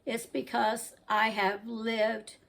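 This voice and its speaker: A woman in her sixties from the Southern United States hosts a home cooking channel, her Southern accent blended with Midwestern tones as she rambles chattily between side stories. Her voice sits on the high side, creaky and fairly bright, delivered flatly and slowly. There's a little hiss or hum in the recording.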